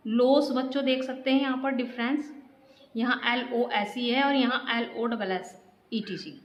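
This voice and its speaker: A high-voiced woman gives a patient grammar lesson to children, repeating her points and talking to the class directly. Her voice rings in an echoey room. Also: steady tone, measured pace, muffled recording. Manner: patient, spells out letters one by one. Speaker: teacher.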